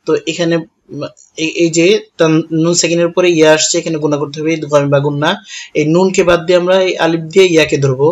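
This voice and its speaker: A man's voice: a little high, little pitch movement. A man with a Bangladeshi Bengali accent, teaching Quran recitation, spelling out each letter and vowel mark syllable by syllable. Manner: spells each syllable slowly, then chants the verse in a drawn-out melody. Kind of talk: letter-by-letter tajweed instruction.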